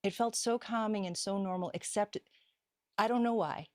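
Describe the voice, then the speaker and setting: A woman's voice: medium pitch, normal speed, no room sound, clean studio sound. A middle-aged woman, a healer and psychic medium, telling a story in a casual interview, laughing often and acting out the dialogue. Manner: animated, laughs often, acts out quoted dialogue.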